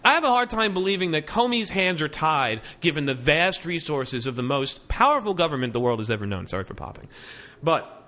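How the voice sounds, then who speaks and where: A man's voice: on the high side, sing-song, a little fast, bright, forceful tone. An American man hosting a casual tech podcast, talking in a sarcastic, joking way. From United States. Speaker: podcast host.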